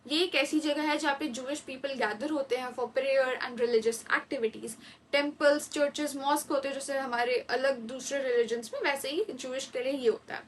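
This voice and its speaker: High-voiced woman teaching vocabulary. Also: steady tone, distant mic, slight background noise, rough recording. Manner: slow deliberate English definitions, quick Hindi-English explanations. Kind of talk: exam-prep vocabulary lesson.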